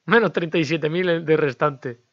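Playing a management game, a male gaming YouTuber keeps up relaxed, chatty commentary, negotiating while he talks to himself and his audience. His voice is on the high side at a moderate pace, and the recording has its highs cut off.

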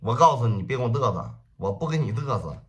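A man voicing a brutal, mocking gangster enforcer, shouting threats. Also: mid-range voice, sing-song, fast talker, lightly acted. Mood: scornful.

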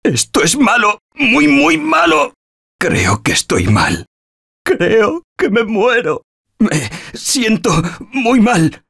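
A man with a Castilian Spanish accent playing an anxious everyman zombie-apocalypse survivor in a video game, emotive and slangy, with a husky voice. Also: very high voice, huge pitch swings, slow pace, fairly bright tone, full character voice. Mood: hurt, weary.

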